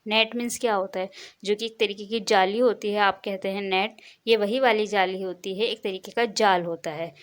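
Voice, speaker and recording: A woman teaching beginners to read English words, spelling letters out slowly and repeating each word patiently. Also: medium pitch, fairly even intonation. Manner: slow, deliberate spelling out of letters. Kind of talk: step-by-step spoken lesson.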